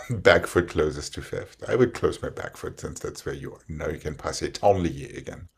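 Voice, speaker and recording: A low-voiced man with a husky grain works as a dance teacher. He counts out ballet combinations in short, rhythmic, directive phrases, naming each step in turn. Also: moderate pace. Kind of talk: dance instruction, calling out combinations.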